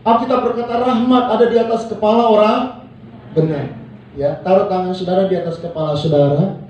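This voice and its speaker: A man preaching with a high, mellow voice in a church hall, calling on the congregation to repeat his words. The sound is roomy and echoey, picked up from a distance with faint ambience behind him. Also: fairly even intonation, fairly quick, slight background noise. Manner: call-and-response preaching, acts out quoted people. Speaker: pastor. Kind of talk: sermon. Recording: echoey hall, mic from far off.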